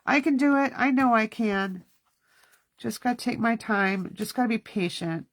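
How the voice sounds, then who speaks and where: A woman hosts a casual, hands-on card-making class, chatting and talking to herself as she works, her nose stuffy. Her voice is a little high, her pace moderate, and the recording dry.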